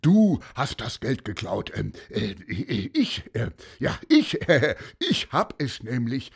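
A man voicing a spiteful, loud cotton-candy seller who accuses a child with mocking laughs. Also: high voice, wildly swooping pitch, slow, gravelly, slightly rough, pitched above the performer's own voice, full character voice. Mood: accusing.

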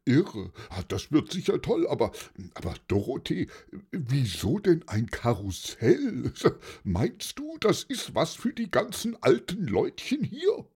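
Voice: mid-range voice, huge pitch swings, takes it slowly, a little mellow, breathy edge, pitched above the performer's own voice, full character voice. A narrator voicing a curious boy who stammers out surprised questions, in a storybook reading. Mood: puzzled. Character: curious boy, the aunt's nephew.

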